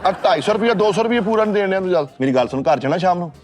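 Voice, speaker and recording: A man's voice: high voice, animated, very fast, a little hiss or hum. A man in a comedy sketch, stubbornly scolding and brushing others off. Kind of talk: rapid comic banter.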